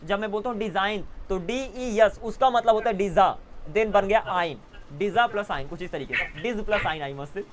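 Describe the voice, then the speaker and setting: A high-pitched male English teacher leads a lesson for live students in a classroom. He teases them playfully and repeats words slowly as drills.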